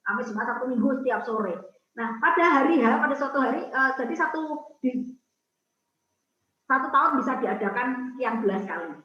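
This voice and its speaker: A middle-aged woman from Indonesia tells lively stories to a women's prayer group, slipping into the voices of the people she quotes. Her voice sits high. The video-call audio is muffled and heavily echoey. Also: moderate pace, long pauses. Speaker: speaker at a prayer community's Zoom talk.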